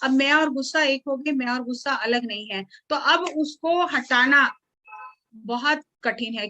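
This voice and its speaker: A woman meditation teacher guiding a meditation and giving a calm, slow, explanatory spiritual talk. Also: high voice, highs cut off.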